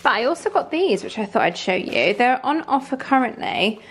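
Holding the camera at arm's length, a woman lifestyle vlogger rambles cheerfully about her shopping haul from a parked car and later her bedroom. She sounds a little high and a bit bright, with a sing-song lilt at normal speed. The recording is poor and carries some hiss or hum.

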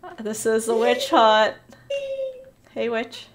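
A woman's voice: fairly high pitch, flat delivery, slow pace, a crowd in the background. A woman chatting casually while reacting to game builds, playful and joking. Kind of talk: casual gaming chat.

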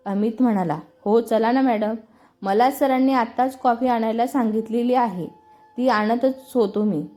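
A woman's voice: a little high, measured pace, mellow, soft background music. A woman with a Marathi accent reading a story aloud and voicing every character's lines in her own voice. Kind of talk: scripted story narration voicing all characters.

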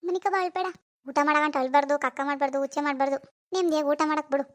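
Woman doing a young new mom in a village cartoon, gentle scolding, high and quick. Voiced by a woman. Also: close to an everyday voice. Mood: soft coaxing. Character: young woman, new mother coaxing her baby. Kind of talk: animated village family drama.

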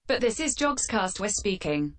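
A woman hosting a fan Q&A with sarcastic, deadpan answers, her voice run through a metallic filter. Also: medium pitch, moderate pace. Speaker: channel host answering fan questions. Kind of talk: scripted comedic Q&A.

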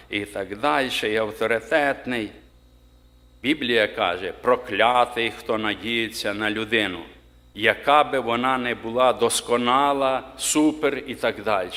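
A man preaching a sermon to his congregation, emphatic, slowing down to read scripture aloud. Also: medium pitch, pushed and bright. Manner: emphatic, rising on key words, slows to read scripture. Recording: long reverb of a church hall.

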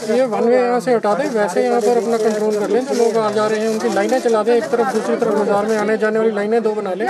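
A man's voice: sits high, flat delivery, fast talker. A middle-aged man with an Indian accent, a shopkeeper explaining routes in detail in a street interview at his shop. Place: shop doorway in market. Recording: loud market crowd noise.

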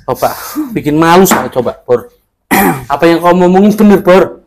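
A man's voice: a little high, expressive, normal speed. A man acting an angry father in a village drama, scolding and indignant. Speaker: village head candidate, father.

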